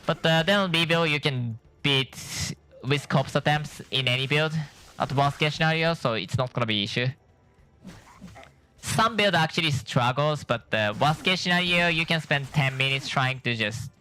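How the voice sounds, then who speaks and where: A tired gameplay streamer, short on sleep, rambles casually over his game, thinking aloud and correcting himself. His mid-range voice is bright, forceful, clear and resonant.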